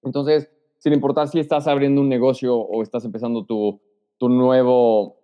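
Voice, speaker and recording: A man's voice: mid-range voice, moderate pace. A man speaking as an interview guest, giving social advice and acting out example lines. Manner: animated, acts out example lines. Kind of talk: casual interview talk. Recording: dull sound with long reverb.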